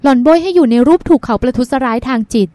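A woman narrating a novel, reading in a steady, expressive way. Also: high-pitched, fast, no echo. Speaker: audiobook narrator. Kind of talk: scripted narration.

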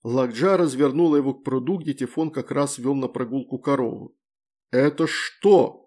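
A man reading fantasy fiction aloud in an even, measured narrating voice. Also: medium pitch. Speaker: audiobook narrator. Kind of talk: scripted narration.

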